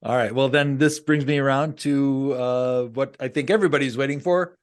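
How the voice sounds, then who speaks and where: A man's voice: mid-range voice, steady tone, moderate pace. Friendly male podcast host. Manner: friendly, laughs easily. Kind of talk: interview questions.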